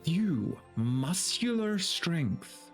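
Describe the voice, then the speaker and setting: Reading a dramatic story on stream, a man swings from theatrical narration to casual, profane, amused commentary, with video game music running underneath. His voice sits on the high side, sing-song, drawing out his words.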